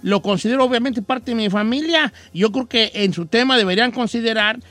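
A man playing an old Mexican grandpa radio host, reedy and high, gossipy, scolding, bright and sharp. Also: brisk, no echo. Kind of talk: comic radio call-in show.

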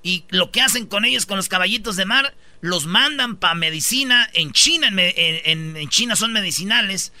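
Mexican male host, casual countdown chat, high bright voice, jokey slang. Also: animated, normal speed, hardly any pauses, dry recording. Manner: joking, slangy storytelling.

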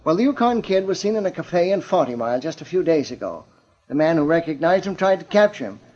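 Brisk, higher-voiced police inspector. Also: male voice, big pitch swings, darkish tone. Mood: businesslike. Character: brisk, authoritative male Mountie inspector. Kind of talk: old-time radio drama acting. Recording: dull old radio recording.

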